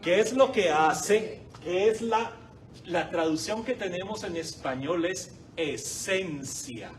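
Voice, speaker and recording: Slow, high-voiced male Bible teacher. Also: animated. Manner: asks the class questions, repeats key words slowly. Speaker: parish Bible course teacher. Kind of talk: informal classroom teaching. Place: church hall classroom. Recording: distant mic, faint background noise.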